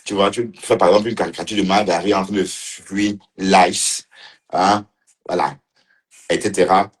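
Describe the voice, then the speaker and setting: A man's voice: deep voice, steady tone, moderate pace. A man giving casual livestream commentary, teasing and mocking as he talks, laughing often and repeating phrases. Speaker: online commentator.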